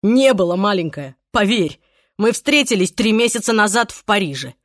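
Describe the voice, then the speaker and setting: A woman's voice: medium pitch, expressive, normal speed, no room sound, clean studio sound, close to an everyday voice. Woman voicing an obsessive, menacing young man. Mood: desperate. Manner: pleading then cold and threatening.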